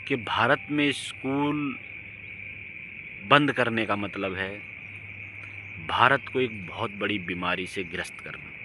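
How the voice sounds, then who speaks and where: A man giving an impassioned, preachy monologue, his voice swinging from emphatic outbursts down to low, quiet lines. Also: slow, long pauses, background noise. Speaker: religious speaker.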